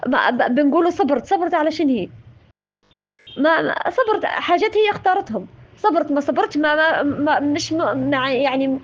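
A woman's voice: sits high, expressive, brisk, lo-fi sound. A woman with a Tunisian accent giving an informal religious talk, impassioned and scolding, often repeating her words. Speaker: religious speaker.

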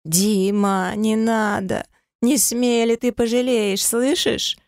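A man's voice: moderate pace, creaky, dry recording, studio quality. A man voicing a young deceitful wife who pleads, sobs and shrieks in a raised voice, in an audiobook reading. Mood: pleading. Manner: pleading, sobbing, shrill.

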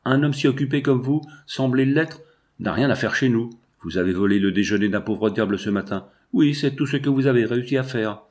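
A man's voice: on the low side, lively intonation, a little fast, creaky, few pauses. A man reading aloud and voicing a sarcastic, mocking male Salvation Army officer in an audiobook.

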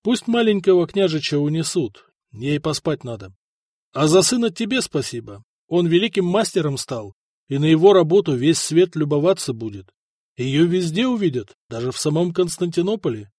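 A man reading the part of a calm, guarded medieval prince who speaks levelly and firmly. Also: fairly high pitch, moderate pace, dry recording, studio quality. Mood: commanding. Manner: level and firm, turning sharp.

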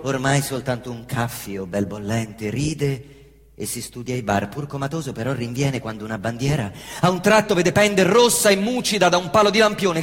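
A stage actor gives a theatrical monologue as a brash young male killer from Rome's outskirts, all swaggering slang and heavy Roman accent, with a natural voice and a weary mood. Pitched high, he lurches from defiant bursts into quiet muttering, and long stage reverb follows each line.

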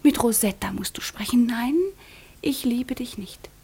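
A woman's voice: on the high side, a little slow, darkish tone, full character voice. An actress playing a proud young woman fresh from a convent in a radio drama, often dropping into a tense whisper. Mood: hushed intense. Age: young adult. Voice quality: breathy. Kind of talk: studio radio drama acting.

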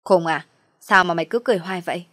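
A woman's voice: fairly low pitch, fast talker, a bit bright, no room sound, clean studio sound, natural voice. Woman voicing a scornful spoiled young wife. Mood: teasing. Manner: scornful, snappy retorts. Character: sharp-tongued spoiled pregnant young wife.

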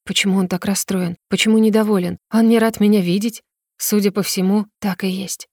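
A woman narrates a storybook in the first person, her reading emotional and rising in pitch on the heroine's words. Her voice sits at a middle pitch. The recording is close and dry. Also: fairly even intonation, fairly quick, a little mellow, no echo. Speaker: audiobook narrator.

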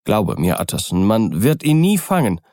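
A man's voice: unhurried, darkish tone, no echo, clean studio sound, close to an everyday voice. A man reading an audiobook, voicing a frightened, nervous middle-aged doctor in an agitated, pleading tone. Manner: agitated, pleading, higher-pitched.

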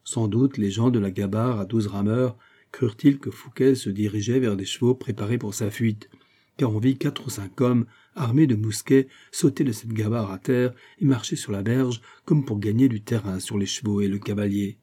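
A man narrating a classic novel as an audiobook, in a measured, even storytelling manner. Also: on the low side, husky. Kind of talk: scripted narration.

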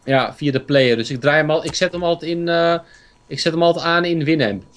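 A man's voice: a little high, a little fast, a bit bright. A man calling into a radio show, chatting casually and stumbling over repeated words as he starts. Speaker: guest on a call-in show. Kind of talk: casual chat.

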